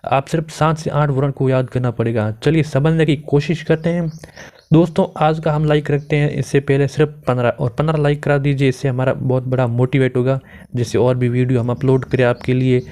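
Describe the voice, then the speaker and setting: A man's voice: on the high side, darkish tone. Man teaching a grammar lesson. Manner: asks and answers his own questions. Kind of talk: exam-prep grammar lesson.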